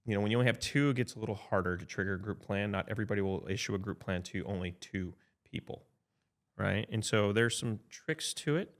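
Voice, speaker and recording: A man in his fifties with a lowish voice talks through insurance options as an advisor in a loose podcast conversation. He thinks aloud, backs up and restarts, and keeps tossing in "right?" to check that his listener is following. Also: a little fast. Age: 50s. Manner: chatty, frequent "right?" tag checks and restarts. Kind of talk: casual podcast explanation.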